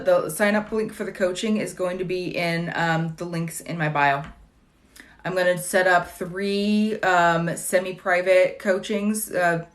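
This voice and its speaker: Woman, late 30s, livestream host; casual, joking, rambling delivery, lowish pitch. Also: fairly bright tone. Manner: chatty, wry and digressive, with dry jokes. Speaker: livestream host answering viewer questions.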